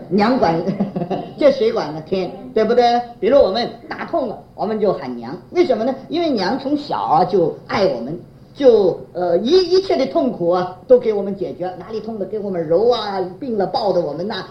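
Woman preacher, lively sermon delivery, prompts the congregation with fill-in questions; echoey room. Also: mid-range voice, slight background noise. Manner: chuckles while telling anecdotes. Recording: roomy, dull lo-fi recording.

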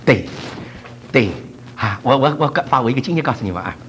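A man's voice: mid-range voice, expressive, fast talker, a bit bright, slight background noise. An older man from China preaching a sermon, laughing often and mixing English words into his talk.

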